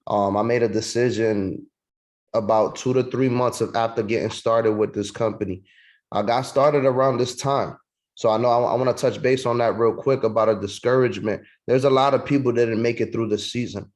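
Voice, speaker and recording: This is a casual, slang-heavy sales training delivered online by a man from Puerto Rico who grew up in New York City and keeps addressing people as "bro" and "man." He speaks in a mid-range, steady voice at normal speed, with a darkish tone.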